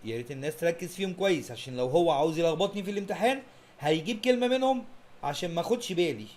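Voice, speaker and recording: A man's voice: a little high, lively intonation, racing, a little mellow. A man with an Egyptian Arabic accent giving an exam-prep English lesson, asking the students' questions himself and then answering them, and repeating key points. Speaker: English teacher.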